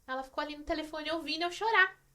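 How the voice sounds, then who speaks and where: A woman's voice: sits high, quick pace, bright, forceful tone. A woman with a Brazilian accent, a guest on a casual podcast, telling a personal story with feeling and repeating words as she goes. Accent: Brazilian Portuguese.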